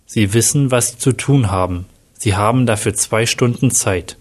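A man reading the lines of a mysterious, threatening male voice on the phone, in a cold, commanding manner with a husky tone. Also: fairly low pitch, normal speed. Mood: menacing.

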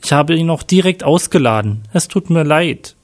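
A man's voice: lowish voice, fairly even intonation, unhurried, close to an everyday voice. A man voicing a young man who apologizes through tears to his fiancé. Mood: tearful. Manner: pleading, apologetic.

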